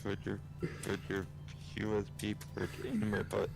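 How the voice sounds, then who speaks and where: A man putting on a creepy, leering robot toy girl in a slow, gravelly low mutter. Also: monotone, faint music behind. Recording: echoey room.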